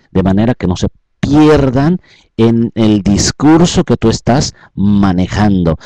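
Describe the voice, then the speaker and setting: A man's voice: lowish voice, no echo, low-quality recording. A man giving an instructional talk on public speaking, repeating points and asking rhetorical questions. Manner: repetitive, rhetorical questions, varies loudness often.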